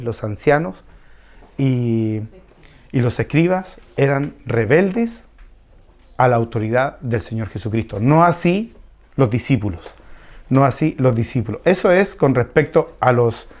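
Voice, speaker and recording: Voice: medium pitch, animated, unhurried, a little mellow. A preacher teaching a Bible passage to a congregation, repeating key phrases and asking them questions. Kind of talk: expository Bible study sermon.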